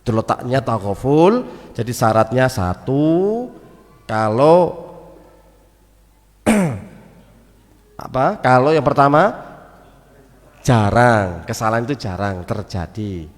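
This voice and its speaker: In a mosque hall with long reverb, a Javanese-accented man delivers a casual sermon in a mid-range voice, taking it slowly with long pauses. He stays lively nonetheless, blending Javanese and Arabic terms and performing little everyday exchanges.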